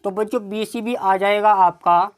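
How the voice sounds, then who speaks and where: A woman's voice: mid-range voice, steady tone. A woman with a North Indian accent teaching a maths lesson step by step, often addressing her students as children. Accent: Hindi-speaking North Indian. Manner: keeps addressing the class as "children", repeats steps slowly.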